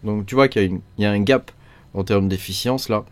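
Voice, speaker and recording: Rambling man with a lowish voice. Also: fast. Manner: rambling, many fillers like euh, hein, quoi. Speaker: crypto mining channel host. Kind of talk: casual explanatory talk to camera.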